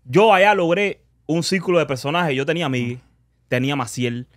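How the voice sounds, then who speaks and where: A man's voice: a little high, brisk, a bit bright, no room sound, clean studio sound. A Cuban man speaking as a guest on a casual podcast, thinking back on how he made his videos. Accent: Cuban Spanish. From Cuba. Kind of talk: casual chat.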